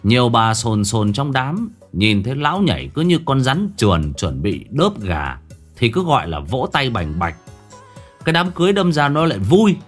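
Casting: male storyteller, folk horror narration, animated and colloquial, soft music underneath. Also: mid-range voice, moderate pace. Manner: lively, colloquial, expressive telling.

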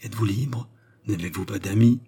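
A man voicing an earnest young English prisoner in an audiobook, speaking low and with devotion. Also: moderate pace, mellow, husky.

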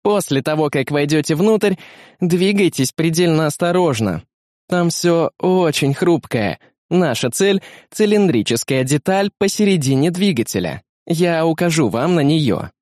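A man voicing a calm, caring female ship AI in a storybook reading, soft and composed with a light teasing edge. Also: on the high side, unhurried, dry recording, studio quality, pitched above the performer's own voice. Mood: wry guiding. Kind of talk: audiobook character voice.

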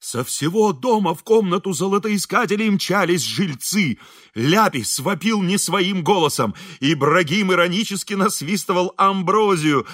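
A man narrating an audiobook in a lively, expressive way. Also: fairly high pitch, no echo, clean studio sound. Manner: lively, expressive, voices characters. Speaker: audiobook reader.

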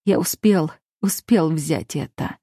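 A hoarse young man urges someone on in a storybook, as a woman reader puts him on. The voice is warm and mellow. It is recorded dry and close, with no room sound. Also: deep voice, slow, dry recording, heavily acted. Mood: urgent.

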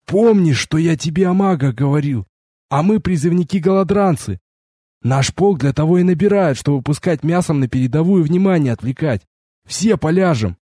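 A male narrator plays a nervous young conscript who keeps pressing his point in quick bursts. The voice sits a little higher than the reader's own, with a dark, husky tone. It is recorded dry and close, with no room around it. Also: lively intonation, dry recording. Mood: agitated. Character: jittery young male army conscript, pleading. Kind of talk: audiobook character voice.

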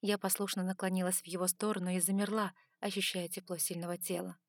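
A woman reading a first-person fantasy audiobook in an even, measured storytelling voice, close to the mic. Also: on the low side, dry recording. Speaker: audiobook narrator.

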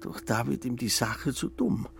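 A man's voice: mid-range voice, lively intonation, normal speed, over music. A man narrating a radio play with lilting, dreamy storytelling. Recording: radio play with clear ambient noise.

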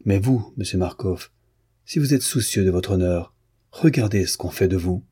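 Lecteur masculin jouant une jeune fille orgueilleuse et moqueuse, timbre sombre et voilé, ton dédaigneux. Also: male voice, low voice, moderate pace, dark tone, slightly rough. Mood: scornful. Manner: cutting, disdainful. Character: proud young woman, scornful and calm.

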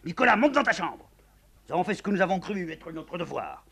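A man voicing a gruff, exasperated old general who barks orders in a play reading. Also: high voice, sing-song, brisk, fairly bright tone, voice pushed up, heavily acted. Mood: angry. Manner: barking, irritable.

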